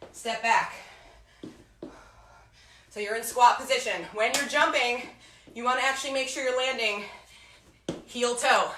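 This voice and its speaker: A woman's voice: fairly high pitch, sharp tone. Breathless, echoey woman urging on a workout. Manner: urgent, encouraging gym-coach calls. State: out of breath from exercise. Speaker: fitness instructor leading a home workout. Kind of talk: live online workout coaching. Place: echoey indoor room with hard floor at home. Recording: very echoey room, faint noise.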